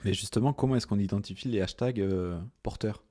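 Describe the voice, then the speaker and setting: A man hosting a casual podcast interview who asks relaxed, chatty questions and recaps the guest's points. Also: fairly low pitch, fairly quick. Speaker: podcast host.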